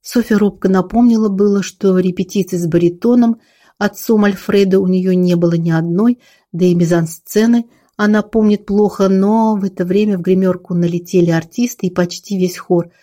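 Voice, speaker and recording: A woman reading a novel aloud in a measured storytelling manner. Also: mid-range voice, fairly even intonation, mellow. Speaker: audiobook narrator. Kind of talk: scripted narration.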